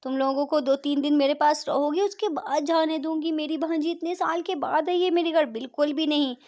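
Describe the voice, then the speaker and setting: A woman voicing a middle-aged aunt who talks loudly and scolds her sister, in a storybook reading. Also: sits high, steady tone, moderate pace, lightly acted. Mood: insistent. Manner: loud, scolding.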